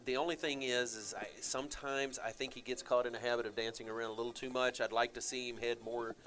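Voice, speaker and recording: A man doing play-by-play for high school football radio, chatty and relaxed with lots of fillers. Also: fast. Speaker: play-by-play announcer.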